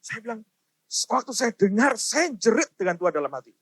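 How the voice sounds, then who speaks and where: A middle-aged man preaching a sermon, telling stories to the congregation with dramatic swings from hushed to loud. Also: high voice, sing-song, moderate pace, slightly rough, no room sound, studio quality. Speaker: pastor.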